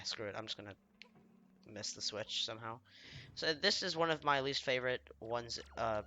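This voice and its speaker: Under the weather and a little hoarse, this let's play commentator sounds medium-pitched, bright and forceful, with a little hiss or hum in the recording. His casual gameplay talk is rambling and self-deprecating, often dropping off mid-sentence.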